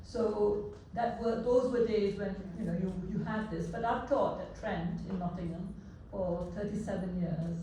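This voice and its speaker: An older woman, a former barrister and lecturer, speaking briskly from the floor at an event. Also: mid-range voice, fairly even intonation, mellow. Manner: brisk and reassuring. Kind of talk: short speech from the floor. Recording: roomy hall from far off, noisy.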